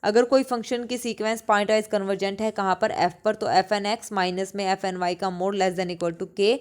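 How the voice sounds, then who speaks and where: A woman's voice: medium pitch, fairly even intonation, normal speed, clear, resonant tone. A woman teaching a maths exam-prep lecture, mixing English terms into her speech, asking questions and answering them herself, repeating key points. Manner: mixes English math terms into Hindi speech. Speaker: mathematics teacher.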